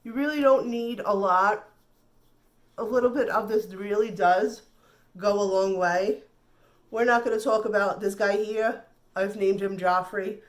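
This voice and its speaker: A woman's steady, medium-pitched voice, slightly nasal after the flu, moves unhurriedly through a makeup tutorial. As a beauty vlogger she chats casually and reassuringly, often repeating words.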